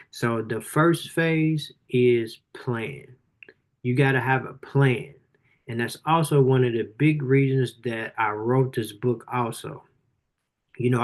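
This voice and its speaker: A man in his forties talks to a live audience about his book at an even, middling pitch. His delivery is casual and earnest, encouraging listeners with lots of "you know" and "um". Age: 40s. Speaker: author and life coach hosting a live book review. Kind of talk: motivational talk on a livestream.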